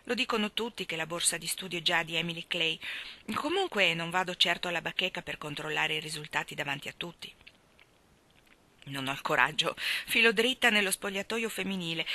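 Excitable dreamy teen girl in a storybook, woman reading it out, earnest and pleading, bright tone. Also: lowish voice. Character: eager dreamy teenage girl.

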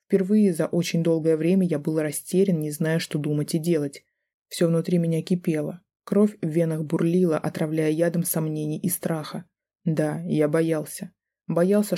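A man reads a dramatic audiobook in the first person. His tone is dark and mellow. He keeps the delivery tense, brooding and measured. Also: a little high. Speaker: audiobook narrator. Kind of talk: first-person scripted narration.

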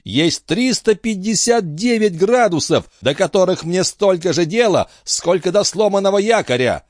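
A hot-headed old sea captain, as a male reader puts him on, bursts out in high, strained shouts, his pitch leaping wildly through every line. The voice sits close and dry, with nothing of the room around it. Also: lively intonation, normal speed, no echo. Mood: agitated.

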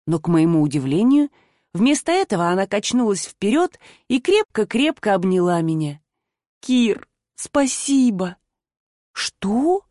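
A woman narrating a first-person audiobook in an expressive voice, acting out the dialogue. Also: medium pitch, normal speed, no room sound, studio quality.

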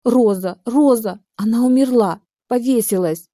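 A woman's voice: mid-range voice, moderate pace, dark tone, no echo, studio quality, natural voice. A woman reading the part of a frantic, furious young woman on the phone, pleading and hysterical.

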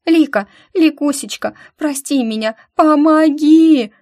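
A woman's voice: sits high, takes it slowly, dark tone, voice pushed up. A woman voicing a panicked, injured teenage girl who is crying and gasping hysterically. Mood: sobbing, panicked.

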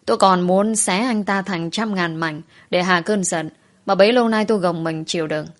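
Woman reading a story out loud, soft and emotional, a bit low pitched. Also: moderate pace. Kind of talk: first-person audio story narration.

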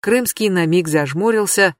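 An audiobook narrator reading a crime novel in an even, steady storytelling manner. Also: mid-range voice, moderate pace, no echo, studio quality.

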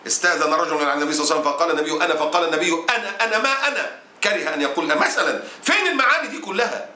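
A man's voice: on the high side, expressive, racing, bright, forceful tone. A man preaching a sermon with an Egyptian Arabic accent, in a fiery, indignant, scolding way. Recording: roomy echo.

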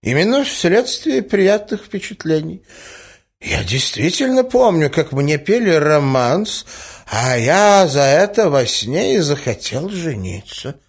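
Confused elderly prince read by a male narrator, stammering, slow, wandering pitch. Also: sing-song, husky, full character voice. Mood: delighted. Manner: hesitant, bewildered, stammering. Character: muddled, doddering old prince. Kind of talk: audiobook character reading.

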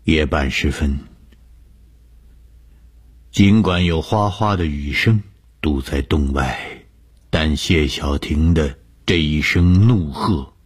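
A man telling a suspense story for radio, slow and measured, often dropping to a hushed whisper. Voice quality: very deep, husky.

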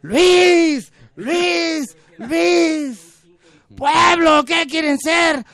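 A man voicing a pompous male president who shouts drawn-out calls to a crowd from a palace balcony. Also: very high-pitched, fairly even intonation, slightly rough, pitched above the performer's own voice, exaggerated voice.

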